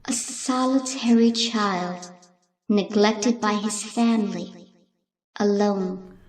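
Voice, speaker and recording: A woman playing a solemn, commanding, ageless spirit in a radio drama, speaking in a stately, deliberate manner. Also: medium pitch, steady tone, a little mellow, close to an everyday voice. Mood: grave, probing. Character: solemn, commanding, ageless Ghost of Christmas Past. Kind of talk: theatrical radio drama acting.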